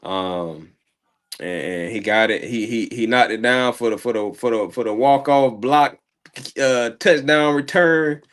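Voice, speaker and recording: A man co-hosting a sports show, casually recapping a football game in a rambling, slangy way, his throat slightly hoarse. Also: lowish voice, measured pace. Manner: rambling, slangy, repeats words and fillers.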